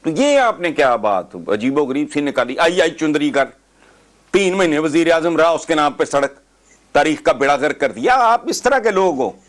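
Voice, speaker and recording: A man's voice: fairly high pitch, sing-song, moderate pace. A man, a political commentator arguing emphatically and slipping English phrases into his talk. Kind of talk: heated talk show debate.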